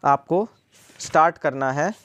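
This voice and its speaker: A man's voice: on the high side, measured pace, a bit bright. A young man tutoring students through their notes in a casual mix of Hindi and English, often saying "ठीक". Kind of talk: screen-recorded study lesson.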